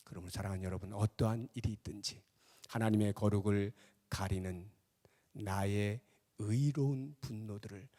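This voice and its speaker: A man's voice: lowish voice, fairly even intonation, moderate pace, warm tone. A man who is a pastor, delivering an impassioned, emphatic sermon in a church. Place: church sanctuary. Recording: long reverb of a church hall.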